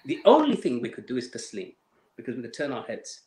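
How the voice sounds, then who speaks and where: A man telling a painful personal story in an interview, measured and emotional, with many fillers and restarts. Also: mid-range voice, huge pitch swings, a little mellow, roomy sound, rough recording. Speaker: interview guest.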